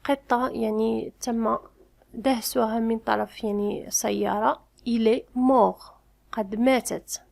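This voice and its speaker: Woman teaching French, slow careful reading. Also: on the high side, fairly even intonation, gravelly, a little mellow. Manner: reads French slowly, explains quickly in Arabic. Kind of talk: bilingual language lesson, reading and explaining.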